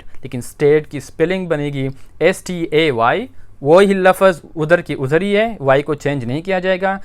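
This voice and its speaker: Patient male grammar teacher, clear voice. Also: on the high side. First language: Urdu. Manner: patient, repeats points, many filler "uh"s. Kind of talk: explanatory lesson.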